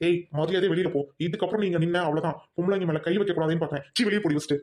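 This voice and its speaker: A woman's voice: lowish voice, fairly even intonation, fairly quick, heavy background noise, lightly acted. A woman voicing a troubled young husband, a doctor, who apologizes and snaps in anger by turns. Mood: furious. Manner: apologetic, then snapping in anger.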